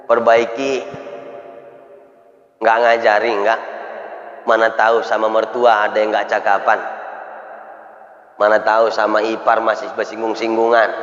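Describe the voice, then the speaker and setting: A man giving an animated sermon, acting out dialogue and rising to shouts. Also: mid-range voice, lo-fi sound. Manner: animated, switches voices for characters, rises to shouts. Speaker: preacher. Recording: echoey hall.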